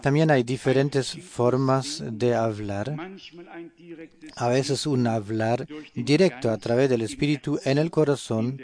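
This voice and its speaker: A man delivers a sermon at an unhurried, deliberate pace. His voice sits at an ordinary middle pitch. He pauses often and fills the gaps with hesitant "eh" sounds as he searches for words. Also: darkish tone. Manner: slow, measured delivery with frequent hesitations. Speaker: preacher.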